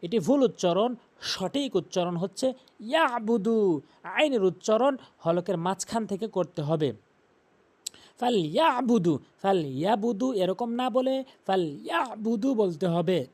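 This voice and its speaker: A man teaching Quran recitation, patiently repeating pronunciation rules and chanting slow examples. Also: high-pitched, a little mellow. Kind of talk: recitation lesson.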